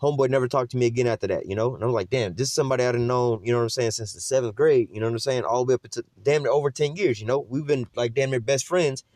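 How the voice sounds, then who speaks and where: Middle-aged man, loose street-style preacher, talks fast, dry close sound. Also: mid-range voice, darkish tone, dry recording. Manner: rambling, full of fillers and slang. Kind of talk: informal preaching.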